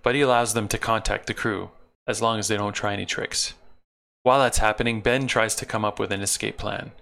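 A man's voice: lowish voice, fairly even intonation, brisk, vocal fry, pushed and bright. A man narrating a plot recap of an old episode, breaking in now and then with wry, sarcastic asides.

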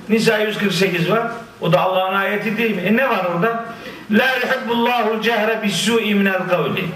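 A man preaching a sermon, quoting scripture in Arabic and explaining it with lively asides. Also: high voice. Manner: lively, quotes Quran verses in Arabic and explains them. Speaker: Islamic preacher. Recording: echoey room, voice from a distance.

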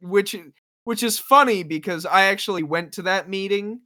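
A man's voice: high-pitched, normal speed, pushed and bright. A young man from New Jersey, a podcast co-host telling rambling anecdotes in casual chat. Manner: storytelling, puts on voices in anecdotes.

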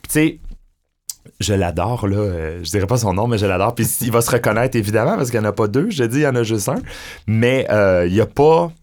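Québécois guy in an interview, lowish voice, talks on and on with lots of euh. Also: brisk. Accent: Québécois French. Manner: chatty, animated storytelling with many fillers. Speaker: drag performer, guest. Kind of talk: conversational interview.

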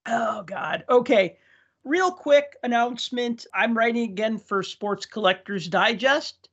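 A man with a very high, fairly bright voice hosts a casual podcast at an unhurried pace. He's a chatty storyteller who laughs along with his own enthusiastic stories, and the audio is dull lo-fi.

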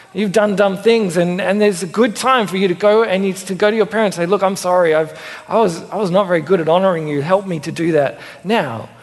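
A young man delivers a sermon in a casual, animated manner, dropping self-deprecating asides. His voice sits high for a man. The sound carries a long reverb from the church. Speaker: preacher.

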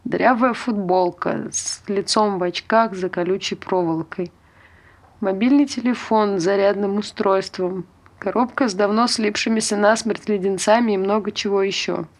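A woman reads scripted literary narration for an audio play, telling the story in measured, short phrases. Her voice is medium in pitch and steady in tone.

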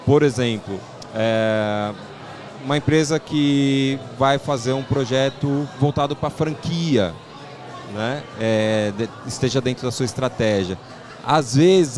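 This podcast guest is a man who founded a startup investment platform and speaks with a Brazilian Portuguese accent. His voice is medium in pitch with a darkish tone. He explains things informally in his interview answers, frequently adding small check questions.

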